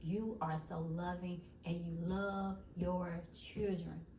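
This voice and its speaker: A woman's voice: lowish voice, flat delivery, slow, darkish tone, a little hiss or hum. A woman, sharing an emphatic faith testimony to viewers in a casual vlog. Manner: emphatic, addresses viewers as y'all. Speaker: vlogger. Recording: echoey room, voice from far off.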